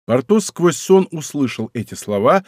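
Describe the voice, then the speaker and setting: A man reading a novel aloud as audiobook narrator, measured and expressive. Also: fairly high pitch, no room sound, studio quality. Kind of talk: scripted narration.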